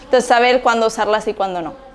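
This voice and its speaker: A woman's voice: a little high, fast talker. A woman giving an informal training talk, casual and chatty, with many fillers and tag questions. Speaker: activism trainer.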